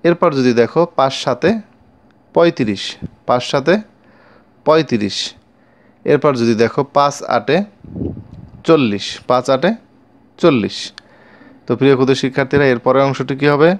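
Bengali-accented male math teacher, patient times-table recitation for young kids, each line said twice. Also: medium pitch. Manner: slow, repeats each multiplication line twice; addresses pupils directly with questions.

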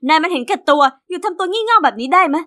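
A woman narrating as a cheeky teenage orphan girl in an animated diary story. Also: very high voice, rapid-fire, full character voice. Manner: lively, cheeky first-person storytelling.

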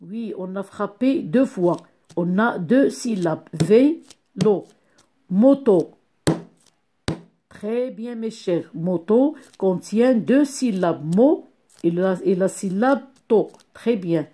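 A woman teaching a young class, speaking slowly and deliberately, repeating each sound and syllable and praising the pupils warmly. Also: mid-range voice, animated, background noise. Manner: encouraging, addresses pupils as "my dear ones". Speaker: primary school teacher. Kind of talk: slow classroom phonics lesson.

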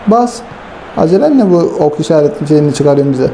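Guy commentating his football game for viewers, kinda high but mellow dark tone, gets hyped then grumpy, faint hum behind. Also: fast. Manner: excitable, swings from hype to frustrated grumbling; talks straight to viewers as friends. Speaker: gaming YouTuber.

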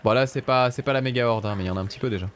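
A man's voice: medium pitch, rapid-fire, soft background music. A man giving casual, joking gameplay commentary, exclaiming often and addressing his viewers. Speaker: gamer presenting gameplay.

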